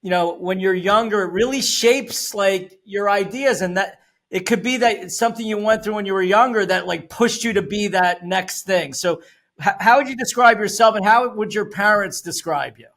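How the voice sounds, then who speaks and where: Older man hosting a podcast, high gravelly voice. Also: normal speed, fairly bright tone. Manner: upbeat, loose and conversational. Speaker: podcast host. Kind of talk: podcast interview.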